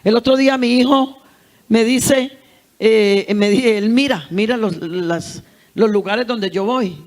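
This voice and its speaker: A woman's voice: fairly high pitch, takes it slowly. A middle-aged woman preaching a sermon in a folksy way, acting out little scenes from family life. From Colombia.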